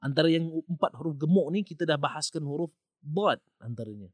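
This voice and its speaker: A man's voice: a little high, lively intonation, fairly quick, dry recording, clean studio sound. A man with a Malaysian accent hosting a podcast lesson on tajwid, patiently repeating himself and sounding out Arabic letters. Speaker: tajwid teacher, podcast host.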